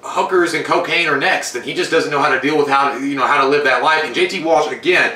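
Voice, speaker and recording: Roomy, bright-voiced man in casual review chat. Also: fairly high pitch, fast talker. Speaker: movie and food review co-host. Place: room at home, indoors. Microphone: shared tabletop microphone. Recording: roomy, distant microphone sound.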